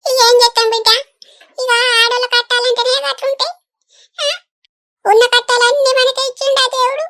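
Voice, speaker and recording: A woman voicing a talkative older village woman in an animated comedy, fretful and caring, with a chatty manner. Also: very high-pitched, a little fast. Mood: tearful.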